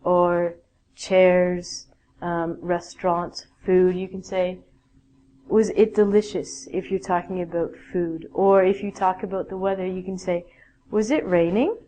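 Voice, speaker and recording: A woman's voice: mid-range voice, mellow, slight background noise. A woman teaching a basic English grammar lesson, patiently explaining rules and reading out example sentences.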